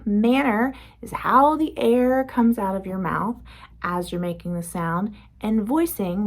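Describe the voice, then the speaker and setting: A woman teaching beginner phonics, slowly demonstrating each speech sound and how the mouth makes it. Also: fairly high pitch. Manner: slow, careful demonstrating of sounds. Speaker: reading and spelling teacher. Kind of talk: phonics lesson.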